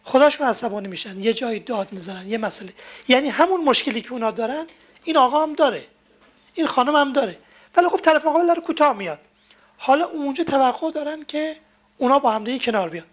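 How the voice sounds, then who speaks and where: High-pitched lady giving a family counseling lecture, explains stuff with everyday examples. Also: animated. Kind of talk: lecture on marriage and emotions.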